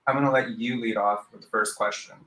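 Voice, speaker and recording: A man's voice: lowish voice, steady tone, fast talker, a bit bright. A man moderating a live filmmaker Q&A, upbeat and enthusiastic. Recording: roomy echo.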